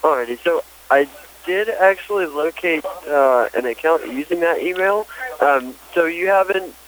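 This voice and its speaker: A man working as a customer service agent on a phone call, speaking in an informal, halting but reassuring way. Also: on the high side, a bit bright.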